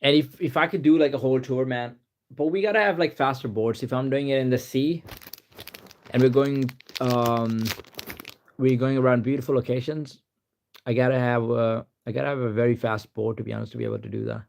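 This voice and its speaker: A young Pakistani man with a mid-range voice chats casually on a live stream, sounding brisk and steady with some vocal fry and a slightly mellow quality. He rambles, reads answers aloud, and keeps saying "to be honest."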